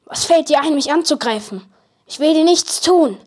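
A woman's voice: high-pitched, expressive, moderate pace, pitched above the performer's own voice. A woman voicing a small, angry monster with a saber, speaking in a snapping, outraged way.

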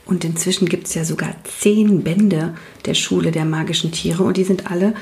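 A woman hosting a show where she reads a children's book aloud, expressive and lively with hushed passages. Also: on the low side, normal speed, husky. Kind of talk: storybook read-aloud.

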